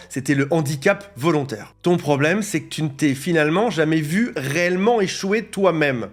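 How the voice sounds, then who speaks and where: A man coaching viewers on psychology, explaining ideas in a direct, teaching way. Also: a little high. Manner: didactic, addresses viewer directly, lists examples.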